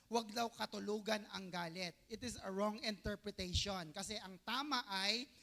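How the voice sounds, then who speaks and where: A man's voice: sits high, gravelly, bright, forceful tone. A Filipino man preaching a sermon as pastor. He mixes Tagalog and English, explains the meanings of words, and keeps asking the congregation for an amen. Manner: Tagalog-English mix, calls for amens from the congregation; teaching by repetition, explains word meanings.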